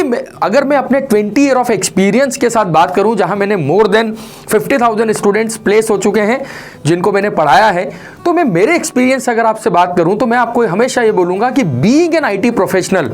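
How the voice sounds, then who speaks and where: A man in his forties giving a programming lecture, his voice sitting fairly high and swinging widely in pitch. He drifts between Hindi and English and keeps checking in with his students through rhetorical questions. Faint music plays in the background. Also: animated, moderate pace. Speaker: programming instructor.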